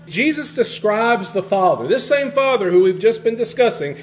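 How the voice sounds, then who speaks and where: High-voiced preacher, lively and conversational. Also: male voice, slight background noise. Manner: conversational, animated, frequent restarts, varies loudness widely. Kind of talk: sermon.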